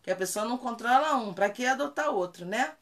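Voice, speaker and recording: A woman's voice: fairly high pitch, animated, fairly quick. A woman dog trainer talking casually in a live Q&A, answering viewer comments and repeating key points for emphasis.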